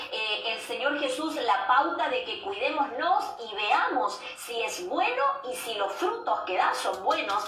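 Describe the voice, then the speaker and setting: A woman giving a devotional sermon as a preacher, measured and repeating key phrases for emphasis. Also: sits high, fairly bright tone. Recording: roomy echo, distant mic, faint background noise.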